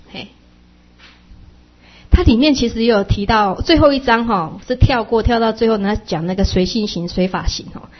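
A woman giving an explanatory Buddhist dharma talk, chatty and full of soft sentence-ending particles. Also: mid-range voice, breathy edge, muffled recording.

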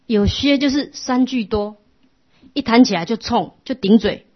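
A middle-aged woman, giving a patient, instructive Buddhist class lecture that often drops to a soft hush. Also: a little high, a little slow. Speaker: Buddhist teacher. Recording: lo-fi muffled recording.

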